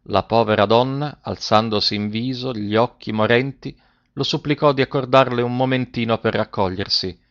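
In a slightly muffled, dry recording, a mid-range male voice reads a fairy tale as narrator, paced with care and full of expression, storybook-style.

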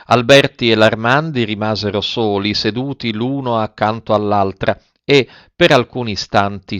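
A man narrating a literary novel in a measured, even storytelling style, recorded on a close mic. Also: mid-range voice, no room sound. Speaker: audiobook narrator. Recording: slightly dull, dry close recording.

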